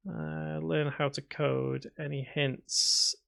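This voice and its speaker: His voice sits fairly high and has a gravelly, fairly bright tone, delivered flatly and slowly. He's a game development tutor from the Liverpool area of England with a faded Scouse accent, casually chatting with his livestream audience and answering their comments. While working, he sometimes mumbles to himself.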